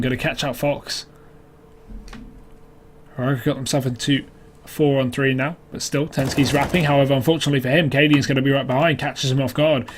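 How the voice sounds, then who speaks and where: A man's voice: mid-range voice, slight background noise. A man commentating on an esports match as a caster, mixing clipped calls with conversational analysis.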